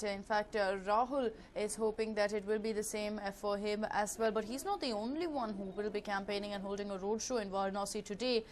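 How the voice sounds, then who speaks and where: A woman reporter with an Indian English accent delivers live news commentary in a medium-pitched voice. She builds her sentences on the fly, often stalling on drawn-out hesitations. Clear background noise runs behind her voice. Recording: clearly noisy live broadcast ambience.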